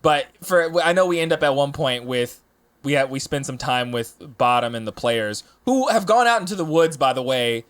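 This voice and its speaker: A man's voice: mid-range voice, animated, normal speed, fairly bright tone. A man talking casually on a podcast panel, rambling with lots of restarts and fillers. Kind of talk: casual chat.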